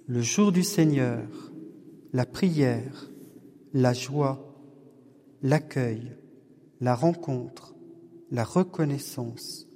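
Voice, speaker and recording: A man leading a discussion evening for his parish, speaking in a slow, measured way with touches of gentle humour. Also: medium pitch. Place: church or parish hall with long reverb. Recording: long hall reverb, distant room mic.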